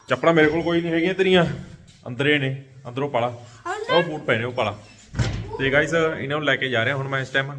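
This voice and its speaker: A man's voice: mid-range voice, a bit bright. Teasing Punjabi vlogger man. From Punjab, India. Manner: teasing, joking banter. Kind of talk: casual family vlog. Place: outdoors in a town market. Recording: traffic noise around.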